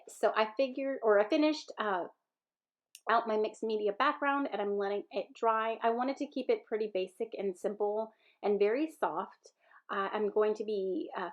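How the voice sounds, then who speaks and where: A woman's voice: mid-range voice, darkish tone. Stuffy-nosed Southern woman, chatty craft voice-over, rambling, slightly muffled recording. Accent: Southern American. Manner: chatty, rambling with fillers and self-corrections. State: stuffy-nosed from a sinus infection. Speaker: scrapbooking video creator.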